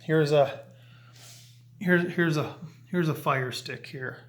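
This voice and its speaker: A fairly high-pitched man speaks slowly as he demonstrates CB radio setup, handling the gear in front of a camera mic. The casual how-to is rambling and hands-on, with frequent restarts.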